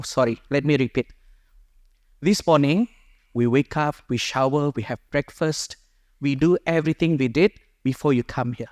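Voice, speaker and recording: A friar from Indonesia, his voice on the high side, talks earnestly and conversationally into a microphone about his personal story for a small group. He rephrases himself as he goes, and the recording is clean studio sound with no room sound.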